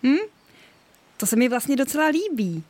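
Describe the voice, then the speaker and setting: Woman voicing a soft, hesitant little storybook creature, very high, dry close sound. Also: lively intonation, no echo. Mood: earnest. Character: gentle young creature named Pepa, anxious.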